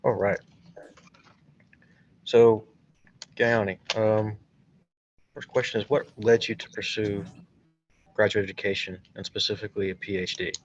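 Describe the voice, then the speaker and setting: A man's voice: on the low side, level tone, unhurried, long pauses, lo-fi sound, slight background noise. A young man in his twenties, a graduate student moderating a seminar interview over a video call, asking loose questions with restarts.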